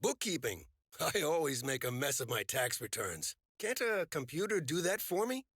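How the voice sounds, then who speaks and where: A husky, easygoing mailman buddy. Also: a little high, sing-song, moderate pace, a bit bright, no echo, studio quality, exaggerated voice. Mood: friendly. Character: friendly middle-aged male mail coworker Frank.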